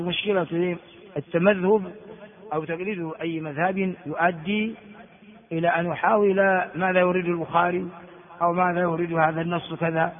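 An older man teaching as a sheikh, reading hadith texts and explaining them slowly in a lecture. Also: high voice. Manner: explains slowly, reads then comments. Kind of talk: classroom lecture commentary. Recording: tinny phone-like sound in a large reverberant hall.

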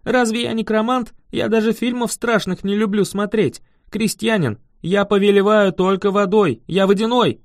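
A man's voice: high voice, fairly even intonation, moderate pace, hardly any pauses, no room sound, studio quality, pitched above the performer's own voice. A man playing an indignant young wizard. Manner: indignant, mock-menacing bluster.

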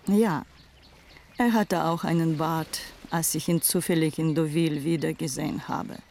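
An actress playing a worldly woman who recalls a lost lover in a radio play, speaking in a hushed, often whispering way with a gravelly edge. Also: deep voice, steady tone, normal speed, a little hiss or hum. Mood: wistful.

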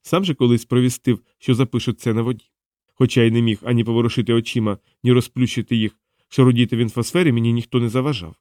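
A man narrating a science-fiction audiobook in first person, in a calm, measured reading. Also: medium pitch, no echo, studio quality.

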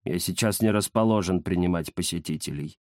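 Storybook: a pompous fat tomcat, low and slow, read by a man. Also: darkish tone, dry recording, studio quality, lightly acted. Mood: grumpy. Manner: slow, lazy, grumbling, self-important. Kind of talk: audiobook character voice.

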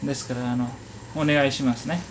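A man conducting an oral history interview, asking polite, halting questions and giving frequent small acknowledgements. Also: medium pitch, steady tone, a little hiss or hum, low-quality recording. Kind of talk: gentle question-and-answer interview.

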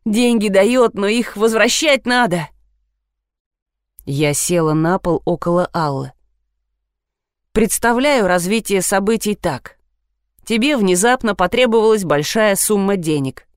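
A woman reading a novel aloud in the first person at a steady, even pace. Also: mid-range voice, unhurried, long pauses, clear, resonant tone, no room sound, studio quality. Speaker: audiobook narrator.

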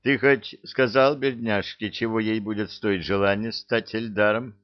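A man's voice: lowish voice, steady tone, unhurried, highs cut off, natural voice. A man voicing a grumpy, sarcastic male cook who talks bluntly and scolds. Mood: grumbling. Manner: grumbling, blunt.

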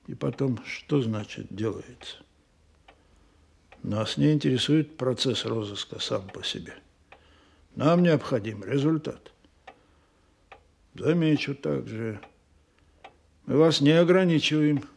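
Slow, stern Stalin in a radio play. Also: male voice, mid-range voice, creaky, a little mellow, breathy edge, heavily acted. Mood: cold demanding. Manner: slow, deliberate, accusatory, repeating questions. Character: Stalin, stern menacing older male supreme leader.

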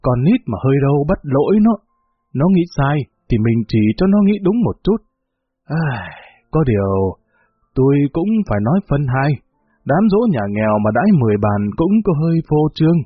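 A man doing a calm old peacemaking woman. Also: mid-range voice, normal speed, husky, no echo. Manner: soothing, reasoning. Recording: tinny phone-like, faint music.

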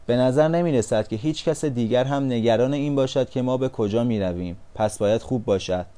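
A man voicing a shy little yellow caterpillar. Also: mid-range voice, natural voice. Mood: musing. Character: small anxious yellow caterpillar, shy and gentle.

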